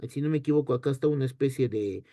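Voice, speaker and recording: A man teaching an online history lesson, asking himself questions and answering them in a lively way. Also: medium pitch, racing, dry recording, clean studio sound. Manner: lively, rhetorical questions to students.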